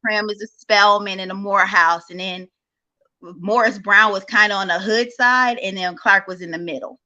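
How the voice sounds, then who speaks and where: A woman's voice: mid-range voice, fairly even intonation, normal speed, pushed and bright. A woman with a cartoon-like voice, chatting casually and animatedly as a call-in guest telling personal stories. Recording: slightly dull, lo-fi call audio.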